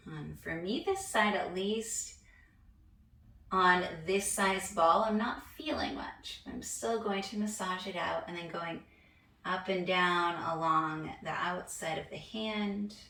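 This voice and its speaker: A young woman teaching a guided hand massage class, relaxed and chatty, laughing at herself now and then. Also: on the low side, takes it slowly, creaky. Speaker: yoga instructor. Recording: echoey room, voice from a distance.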